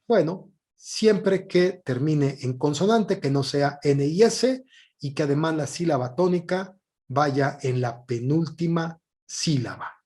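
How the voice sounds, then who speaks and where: Male teacher, slightly high voice, unhurried and patient lesson delivery. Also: darkish tone. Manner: patient, explanatory, with frequent "eh" pauses. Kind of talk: recorded classroom lesson.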